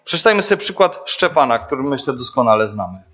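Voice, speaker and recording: A man's voice: medium pitch, sing-song, quick pace, a bit bright, breathy edge. A young man giving an informal sermon, searching for words with many fillers and restarts, often turning to the listeners. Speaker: preacher.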